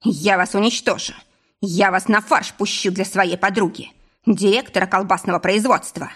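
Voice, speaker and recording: A woman's voice: medium pitch, steady tone, normal speed, slightly rough, natural voice. Woman doing a menacing male boss. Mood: furious. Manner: threatening, mock-sweet and shouting. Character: menacing middle-aged male boss, villain.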